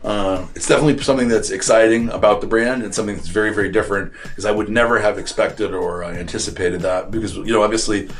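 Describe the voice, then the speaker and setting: Male company boss on an informal tour, slightly deep voice, chatty, unscripted, self-correcting. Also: steady tone, fast talker, few pauses. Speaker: company CEO giving a tour. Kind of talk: casual unscripted tour talk.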